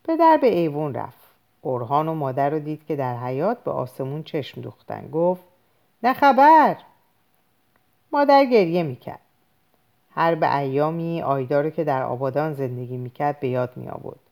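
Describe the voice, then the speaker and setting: A woman giving expressive, dramatic literary audiobook narration. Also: low-pitched. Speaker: audiobook reader.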